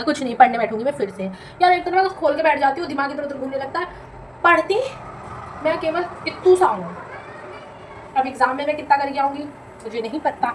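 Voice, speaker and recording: A young woman with a high, bright voice talks, rambling and full of dramatic complaints as she vlogs from her kitchen. She speaks into a phone camera, and a faint room hum sits behind her. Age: young adult. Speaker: vlogger. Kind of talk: casual vlog chat. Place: home kitchen.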